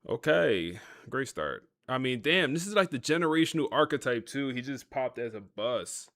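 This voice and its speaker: A man's voice: mid-range voice, sing-song, moderate pace, fairly bright tone, dry recording, studio quality. A man hosting a gaming livestream, chatting casually to his viewers in a laid-back, talkative way while he plays. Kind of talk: casual live-stream commentary.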